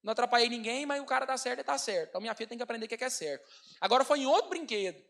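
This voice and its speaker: High, fast-talking Brazilian preacher. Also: male voice, gravelly. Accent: Brazilian Portuguese. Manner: animated, addresses congregation as brothers. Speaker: pastor. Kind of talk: storytelling sermon.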